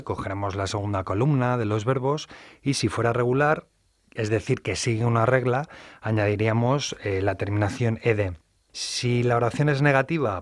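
A man explaining English grammar in Spanish, methodical and measured, reading out slow English example sentences. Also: mid-range voice. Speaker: English teacher. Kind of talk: explaining grammar in a studio lesson.

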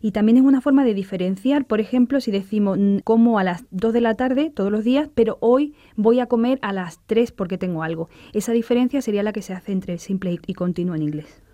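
A woman explaining English verb tenses in Spanish, giving clear examples. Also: mid-range voice, brisk, few pauses, mellow, dry recording. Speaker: English teacher. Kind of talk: explaining grammar in a studio lesson.

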